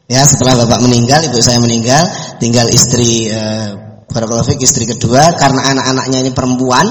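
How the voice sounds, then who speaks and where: A middle-aged man, giving a folksy, conversational religious study talk as a preacher answering questions. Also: fairly high pitch. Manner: conversational and folksy, mixing in anecdotes. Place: mosque hall. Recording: echoey mosque hall reverb.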